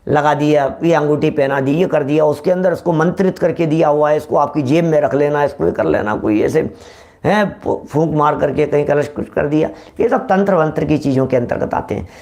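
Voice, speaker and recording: A man's voice: a little high, fairly quick, darkish tone. A man giving a religious discourse, explaining in a repetitive way and addressing listeners familiarly. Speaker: religious lecturer.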